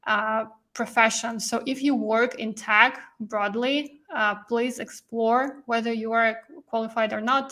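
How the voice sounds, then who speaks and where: A woman with a higher, fairly bright voice hosts a live-stream interview, explaining things chattily with many fillers. She is losing her voice. She works as a host and visa coach.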